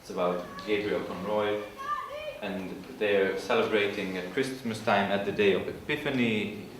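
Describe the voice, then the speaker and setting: A man giving an informal literature presentation, explaining in a halting way and searching for his words. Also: on the low side, steady tone. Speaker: student presenter. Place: large room at an evening school event. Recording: echoey hall from far off, faint noise.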